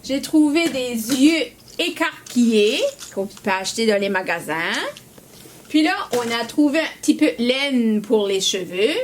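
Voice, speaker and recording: A young woman with a Québécois accent teaching young children, asking them questions in a slow, sing-song way. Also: on the high side, animated, a little hiss or hum. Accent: Québécois French. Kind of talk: children's lesson.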